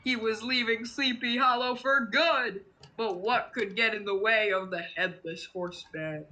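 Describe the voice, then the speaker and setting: High bright-voiced girl gaming, freaks out at jump scares, reads the story bits too. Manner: excitable, quick reactions. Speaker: gamer co-player. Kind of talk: casual gaming chat and reading story aloud.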